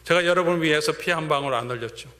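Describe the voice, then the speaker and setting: A male pastor preaching a sermon, swinging between fervent emphasis and hushed whispers. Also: fairly high pitch, very fast. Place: church sanctuary. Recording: long church-hall reverb.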